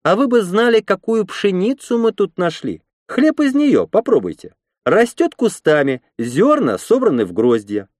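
A woman's voice: medium pitch, sing-song, normal speed, few pauses, a little mellow, no echo, studio quality, voice pushed up. A man voicing a proud, hospitable woman who leads a settlement, speaking earnestly and reassuringly.

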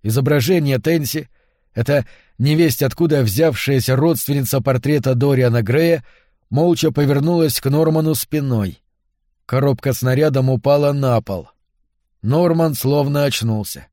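A man narrating a novel as an audiobook, in a measured, even reading. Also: medium pitch, dry recording, studio quality. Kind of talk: scripted literary narration.

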